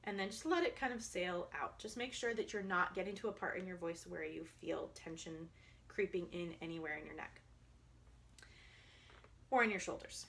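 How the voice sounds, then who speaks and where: Calm woman voice coach. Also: fairly low pitch, moderate pace, vocal fry, slight background noise. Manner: calm, guiding, demonstrates vocal slides and counts. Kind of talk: instructional voice exercise video.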